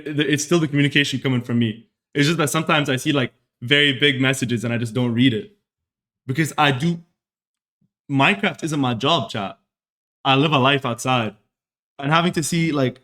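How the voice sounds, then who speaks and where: A man's voice: mid-range voice, fairly bright tone. A young man from Saudi Arabia talking earnestly and repetitively to his live chat as a streaming podcast host. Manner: earnest, repetitive, self-reflective. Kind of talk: casual monologue to live chat.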